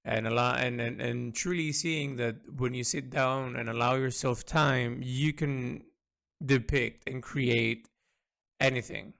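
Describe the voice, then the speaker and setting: In an unplanned audio log, a man with an average-pitched, gravelly and creaky voice thinks aloud, earnest and introspective. He halts often, repeating and circling back on words as he sorts out his ideas. His tone stays steady and slightly bright.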